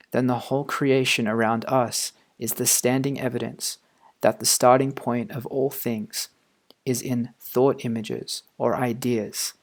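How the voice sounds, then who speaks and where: A man giving a quiet, measured, formal reading of a philosophical text as an audiobook narrator. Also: medium pitch. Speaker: audiobook reader.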